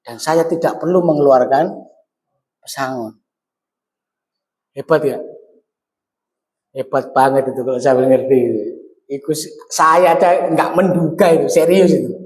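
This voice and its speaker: An East Javanese preacher delivers a lively sermon, his voice pitched high and climbing higher as he exhorts. He slips Javanese phrases into his talk. The recording rings with the long echo of a large hall. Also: measured pace, long pauses. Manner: animated, swings high when exhorting, mixes Javanese into Indonesian. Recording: echoey hall, long reverb.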